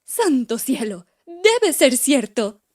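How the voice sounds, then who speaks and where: A woman's voice: sits high, big pitch swings, slow pace, darkish tone, pitched above the performer's own voice, exaggerated voice. A woman voicing a genteel, poetry-reading goose with a polite, mild manner.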